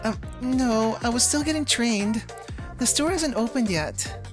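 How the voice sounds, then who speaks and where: A woman's voice: a little high, expressive, measured pace, voice pushed up. Woman voicing a timid, stammering game-developer girl. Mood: flustered, distressed. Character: shy, anxious young game-developer girl. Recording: music behind the voice.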